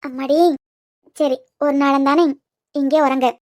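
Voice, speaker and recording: A woman's voice: high-pitched, flat delivery, measured pace, a little mellow, voice pushed down. A woman voicing a coaxing old grandmother with a Kanyakumari accent. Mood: soothing. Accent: Kanyakumari Tamil. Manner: coaxing, motherly scolding. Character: gentle elderly grandmother, soothing and scolding. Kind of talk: cartoon web series voice acting.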